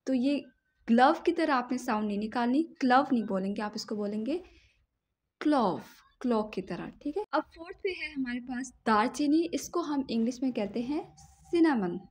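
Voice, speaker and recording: A woman teaching a casual vocabulary lesson in a somewhat high voice. She explains patiently and keeps pausing to check in with the viewer. She repeats each word carefully so it can be copied. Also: expressive, a little mellow. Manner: patient, often checks in with "theek hai?"; repeats words slowly to model pronunciation. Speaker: language teacher and channel host.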